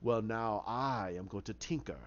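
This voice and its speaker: A man voicing a sinister madman alter ego, a taunting voice in someone's head, with a slow, menacing drawl. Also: lowish voice, lo-fi sound, pitched below the performer's own voice, lightly acted. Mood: cruel, mocking.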